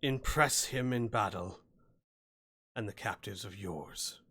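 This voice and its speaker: A man voicing a menacing, grandiose hobgoblin war leader for a tabletop game, proclaiming slowly and solemnly. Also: on the low side, pushed and bright, husky, heavily acted. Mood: grandiose challenge. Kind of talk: tabletop villain role-play.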